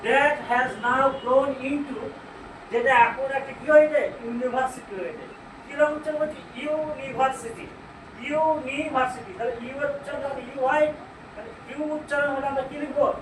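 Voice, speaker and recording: A man with a Bengali accent teaching an English grammar lesson. He asks the class questions, answers them himself, and reads English sentences out slowly. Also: very high voice, fairly even intonation. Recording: echoey room, far from mic, noisy.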